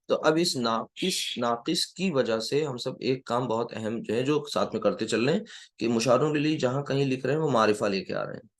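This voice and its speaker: A man giving a classroom grammar lecture who keeps quizzing his students and slowly repeats key words. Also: medium pitch. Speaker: Arabic grammar teacher.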